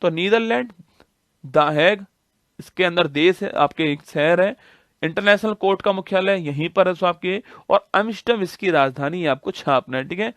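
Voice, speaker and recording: A man's voice: high voice, normal speed, a bit bright, no echo. A man teaching an online exam-prep geography class, asking questions and answering them himself, repeating key facts over and over. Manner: repetitive drilling, asks and answers own questions.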